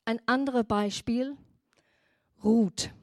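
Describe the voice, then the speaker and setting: A woman pastor giving a sermon who retells Bible stories in a lively, emphatic way. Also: on the high side, very slow, no echo, clean studio sound.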